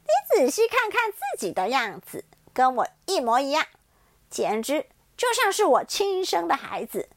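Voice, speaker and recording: A woman's voice: high voice, sing-song, normal speed, no echo, studio quality. A woman voicing a menacing adult male tyrannosaurus who taunts and laughs in a storybook tale. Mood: taunting.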